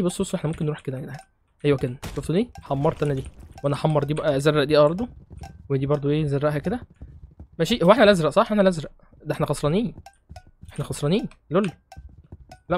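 A young man with an Egyptian Arabic accent giving excitable, joking let's-play commentary while he plays, shouting at other players. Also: fairly high pitch. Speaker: gaming streamer.

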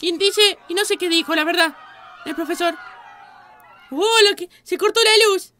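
A woman hosting a video reaction, giving excitable commentary and often shouting and exclaiming at the screen. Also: extremely high pitch, moderate pace, slight background noise.

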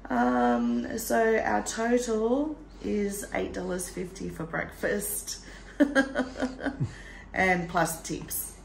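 A woman, chatting casually in a travel vlog with a husky morning voice and frequent laughs. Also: medium pitch, sing-song, very slow, reverberant, a little hiss or hum, poor audio. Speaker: travel vlogger. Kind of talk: casual vlog chat and narration.

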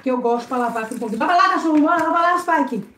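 A Brazilian woman hosts a casual live stream from the service area of her home, reading comments and greeting viewers by name while she cleans. Her voice is high-pitched and fairly bright, and she talks rapid-fire. The room echoes, with faint noise.

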